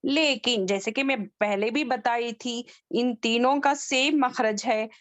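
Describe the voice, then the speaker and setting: A woman's voice: a little high, slow, no room sound. A woman teaching a Quran recitation class online, patiently drilling letter sounds and asking the students if they follow.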